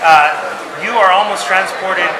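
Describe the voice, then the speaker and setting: Enthusiastic chef, high voice, echoey noise. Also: male voice, measured pace. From San Francisco Bay Area. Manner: enthusiastic, rambling, with repeated restarts. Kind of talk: casual interview talk. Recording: echoey room with loud background noise.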